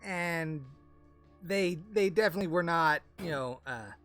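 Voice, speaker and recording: A man doing a rambling, slow-talking old lady. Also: fairly high pitch, fairly bright tone, faint music behind. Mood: helpful. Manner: hesitant, stammering, full of fillers. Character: nosy elderly woman neighbor, rambling and polite. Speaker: game master. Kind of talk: tabletop role-play, improvised character voice.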